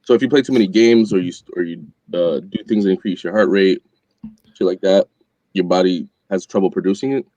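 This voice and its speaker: A man's voice: low voice, warm tone, dry recording. A man talking casually on a podcast, his voice muffled as if heard through a wall because it comes from a computer mic. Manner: slangy, quick, laid-back. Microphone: computer microphone instead of headset.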